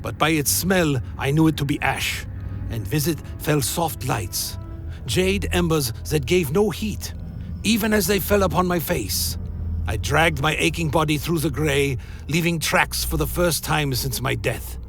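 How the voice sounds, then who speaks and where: Higher-pitched man solemnly narrating dark fantasy. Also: expressive, measured pace, faint music behind.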